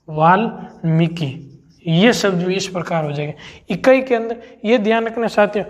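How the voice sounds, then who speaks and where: A male teacher giving an exam-prep grammar lesson, who repeats each word slowly and keeps addressing the class as friends. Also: high-pitched.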